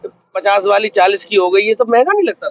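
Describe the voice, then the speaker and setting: A man's voice: high-pitched, sing-song, brisk, dry recording, muffled recording. A man working as a roving reporter, firing probing questions at passersby and cutting in often. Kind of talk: street interview.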